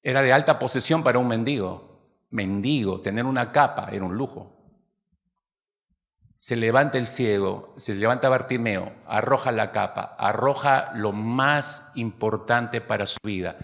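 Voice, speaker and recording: A man preaching a sermon to his congregation, lively, acting out the voices of people in the story. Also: medium pitch, unhurried, vocal fry, long reverb tail. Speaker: pastor.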